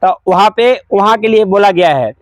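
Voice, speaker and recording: Very high-voiced male teacher drilling pupils. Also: expressive, normal speed, no room sound. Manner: call-and-response drilling, asks and answers his own questions; repeats key words, calls pupils "babu". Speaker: school teacher. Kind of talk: leading a morning school assembly lesson.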